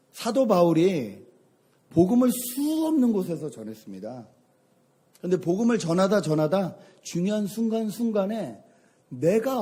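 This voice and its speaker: A middle-aged man, a pastor, preaching a sermon and telling a lively personal story. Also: fairly high pitch, slightly rough. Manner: storytelling, animated anecdotes.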